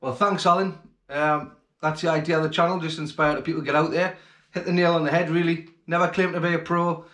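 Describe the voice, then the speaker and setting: A man's voice: on the high side, fairly even intonation, brisk, fairly bright tone. Man, fishing vlog host, casual thankful chatter, echoey home room, camera mic a few feet off. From England. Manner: chatty and grateful, plain-spoken. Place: home kitchen, then living room, indoors. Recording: roomy home acoustics.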